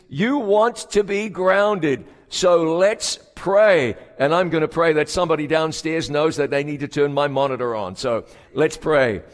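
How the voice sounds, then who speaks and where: Long reverb from a large hall surrounds this man's sermon. Speaking as a pastor in a fairly high voice, he lengthens important words and softens to a whisper-like tone when things turn solemn.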